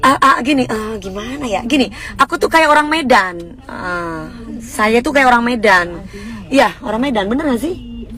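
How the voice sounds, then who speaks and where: This is a woman in her thirties with an East Javanese accent, chatting live with her viewers. She talks emphatically and fervently, in a fairly high voice. Her words come out with energy and force. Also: lively intonation, pushed and bright. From East Java, Indonesia. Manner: emphatic, fiery and fast, self-described as fervent. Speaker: livestream host answering viewers. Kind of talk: casual livestream chat.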